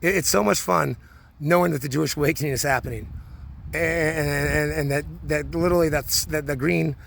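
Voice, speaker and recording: A man's voice: a little high, fairly quick, vocal fry, a bit bright, a little hiss or hum. A man in his forties talking through a rambling personal monologue, full of restarts and repeated words. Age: 40s. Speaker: vlogger.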